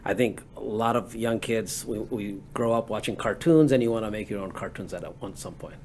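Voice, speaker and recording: A man from Bangladesh in his forties, answering interview questions in a relaxed, rambling way with many fillers. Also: fairly low pitch, fairly quick, slight background noise. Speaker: guest entrepreneur.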